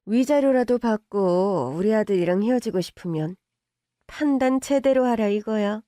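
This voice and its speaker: A woman's voice: medium pitch, animated, moderate pace, dark tone, no room sound, studio quality, close to an everyday voice. A woman voicing a haughty, contemptuous middle-aged mother-in-law who scolds and belittles in a story drama. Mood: scornful. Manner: sneering, bossy, scolding in banmal. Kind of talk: audio drama story reading.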